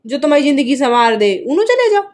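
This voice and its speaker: Loud scolding woman with a Bundeli accent. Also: high-pitched, sing-song, quick pace. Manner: loud, scolding, sharp retorts. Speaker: wife in comic sketch. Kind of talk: scripted comic couple banter.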